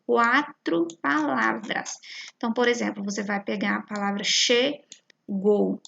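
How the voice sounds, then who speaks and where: A Brazilian woman teaching a primary class, patiently explaining a worksheet and slowly sounding out syllables with frequent checks like "right?". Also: medium pitch, steady tone, vocal fry, highs cut off. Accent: Brazilian Portuguese.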